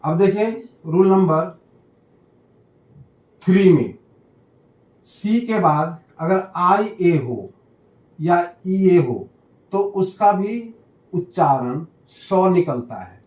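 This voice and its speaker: A man teaching English pronunciation in a lesson, repeating each word and explaining slowly. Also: high voice, animated, a little mellow. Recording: echoey room.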